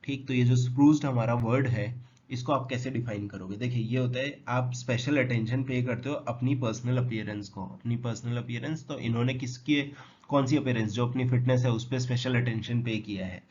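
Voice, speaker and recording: A man's voice: mid-range voice, fairly even intonation, darkish tone. Man teaching vocabulary, lo-fi. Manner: asks questions then answers them himself, slow spelled-out words. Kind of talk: explanatory lesson. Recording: dull lo-fi sound with faint noise.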